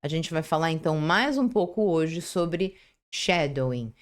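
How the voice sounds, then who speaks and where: Woman teacher, thirties, low voice, very animated pitch, chatty lesson delivery with tag questions and restarts, close mic. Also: a little slow. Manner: lively, tag questions and frequent self-restarts. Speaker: English teacher. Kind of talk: online English lesson.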